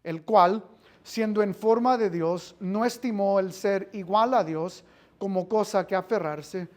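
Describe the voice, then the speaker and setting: Slow, questioning Bible class teacher. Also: medium pitch, a little mellow. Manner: quizzes the listeners with questions and repeats phrases; mixes in English filler words.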